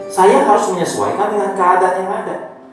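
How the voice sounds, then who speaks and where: A man's voice: high voice, moderate pace, very echoey, distant mic, soft background music, low-quality recording. A male pastor from Indonesia preaching a sermon, asking the congregation questions and joking. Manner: lively preaching, asks the congregation questions, jokes. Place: church hall.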